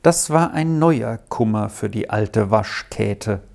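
A narrator reading a storybook aloud in a calm, measured way. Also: mid-range voice, gravelly.

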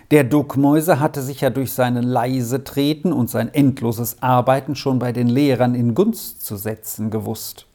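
Unhurried storybook narrator, medium pitch, measured reading. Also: mellow. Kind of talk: audiobook reading.

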